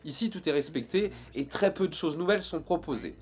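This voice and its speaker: A man's voice: a little high, animated, a little fast, a little mellow. A man reviewing TV series in a casual video, joking and sarcastic at times, then settling into an earnest critique.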